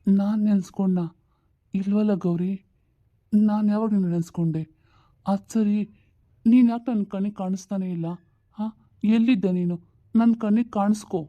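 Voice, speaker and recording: A woman voicing an ailing old father, weary and longing for his late wife, speaking slowly and pleadingly. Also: mid-range voice, fairly even intonation, dark tone, highs cut off, close to an everyday voice.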